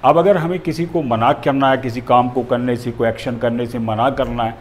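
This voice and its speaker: A man's voice: mid-range voice, steady tone, normal speed, a little hiss or hum. A male teacher explaining a grammar lesson, methodical and going through examples step by step.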